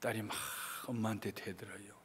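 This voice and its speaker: A male pastor giving an expository sermon with lively delivery, acting out everyday family scenes. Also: lowish voice, brisk, long reverb tail, slight background noise. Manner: animated, acts out everyday scenes.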